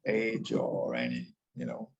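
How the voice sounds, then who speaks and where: A man's voice: a bass voice, sing-song, unhurried, gravelly, darkish tone, muffled recording. A man with a Glaswegian accent in casual panel chat, reflective and repeating words as he thinks. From Glasgow, Scotland. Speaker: actor.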